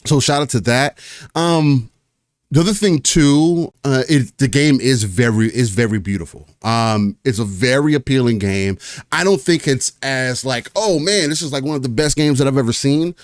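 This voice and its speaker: A man hosts a casual gaming podcast, talking loosely and rambling with lots of fillers and restarts. His mid-range voice moves at a normal speed, in clean studio sound with no room echo.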